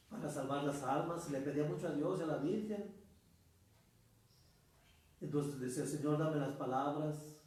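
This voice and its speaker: Priest preaching in an echoey church. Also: male voice, on the high side, dark tone, recorded from a distance. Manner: storytelling, addresses listeners as brothers. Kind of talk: sermon.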